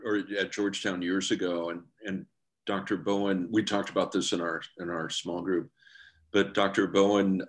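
A man taking part in an online discussion, speaking hesitantly with many fillers and repeated starts, over a video call. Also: lowish voice.

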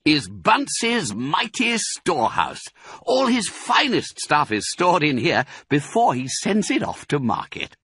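An exuberant storybook father fox, acted out by a man, proud and bossy. The voice is bright and forceful, swinging wildly up and down as he relishes each word. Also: a little high, huge pitch swings, moderate pace, breathy edge, no room sound, clean studio sound, voice pushed up, exaggerated voice. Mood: proudly revealing. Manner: theatrical, exclamatory, relishing words.

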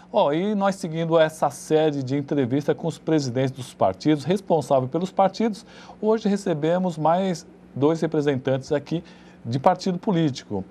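In a small TV studio, a middle-aged talk show host interviews guests, wandering conversationally as he goes. He has a fairly high, mellow voice, with a little hiss or hum on the recording.

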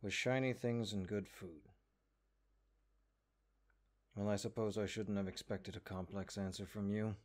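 A man with a lowish, fairly level voice speaks at a measured pace, pausing often. In a comedic audio roleplay he voices a sentient cursed grimoire, a haughty, exasperated magic book that sounds condescending and sarcastic.

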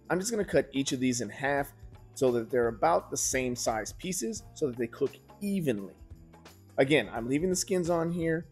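A man in his forties hosting a relaxed home cooking demonstration from his kitchen, easygoing and chatty, with asides to the viewer. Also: mid-range voice, slightly rough. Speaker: cooking show host.

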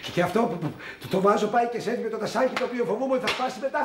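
A pompous fussy professor. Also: male voice, very high-pitched, noisy background. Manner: formal, fussy and stammering. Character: pompous germ-fearing middle-aged male professor.

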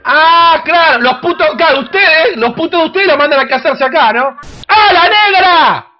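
A host with an Argentine accent, brashly teasing and shouting insults at strangers in a crude comedic video chat. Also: high voice, normal speed. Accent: Argentine Spanish. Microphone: computer webcam mic. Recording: dull lo-fi webcam audio with faint hiss.

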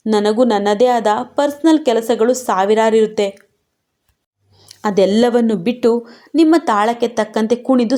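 A woman's voice: fairly high pitch, a little mellow, natural voice. A woman voicing an overworked young wife who scolds and breaks into bitter, tearful outbursts. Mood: scolding.

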